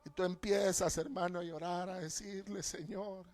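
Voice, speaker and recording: A man's voice: sits high, steady tone, normal speed, a little mellow. A man preaching a fervent sermon as pastor, often calling listeners brother, with a Guatemalan Spanish accent.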